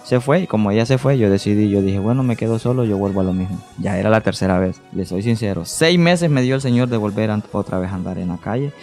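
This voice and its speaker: An earnest man tells a personal testimony in a fairly low voice. He circles back over his own phrases and acts out the words of others as he goes. Faint music plays quietly behind him. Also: animated, quick pace, few pauses. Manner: earnest, repeats phrases, acts out quoted dialogue. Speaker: guest giving a personal faith testimony. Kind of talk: emotional testimony storytelling.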